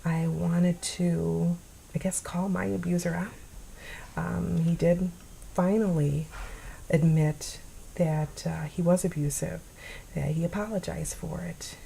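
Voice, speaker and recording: Earnest low gravelly woman, holding back tears. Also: fairly even intonation, warm tone, a little hiss or hum, poor audio. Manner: earnest, pleading, halting with sighs and pauses. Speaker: vlogger sharing her story. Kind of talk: personal address to camera.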